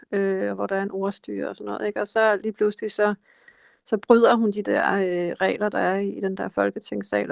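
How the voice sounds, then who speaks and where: A woman's voice: mid-range voice, creaky, no echo. A woman guest in an interview, explaining how politicians use language, hesitant with frequent fillers. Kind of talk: conversational interview.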